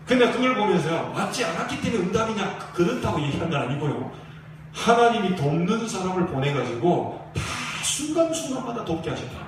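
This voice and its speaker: A man's voice: high voice, big pitch swings, a little fast. A pastor in his forties from the Jeolla region, preaching an emphatic, exhorting sermon at a church service. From Jeolla region, South Korea. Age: 40s. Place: church sanctuary. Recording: echoey church hall, distant mic, faint hiss.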